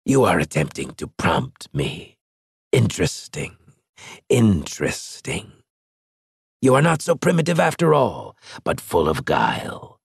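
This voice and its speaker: A man's voice: sits low, sing-song, unhurried, vocal fry, husky, dry recording, clean studio sound, heavily acted. A man voicing a calculating male alien strategist with a scratchy, clipped, condescending delivery in an audiobook. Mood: cold. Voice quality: scratchy disguised voice. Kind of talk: audiobook character voice.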